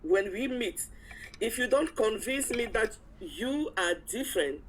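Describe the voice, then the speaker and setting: A woman interview guest casually tells a personal story, acting out the dialogue with lively quotes and frequent chuckles. Her voice is a little high and her pace measured. There's slight background noise and the audio is poor.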